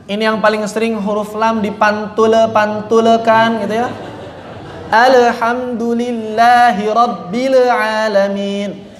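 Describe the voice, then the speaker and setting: A man teaching Quran recitation, correcting common mistakes and demonstrating right and wrong readings aloud. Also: extremely high pitch. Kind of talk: tajwid lesson with recited examples. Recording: roomy echo.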